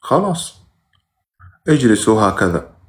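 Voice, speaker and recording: A man's voice: on the low side, sing-song, unhurried. A man who teaches religion, reading viewers' questions aloud during a live stream and giving brief, plain answers with sudden emphatic rises.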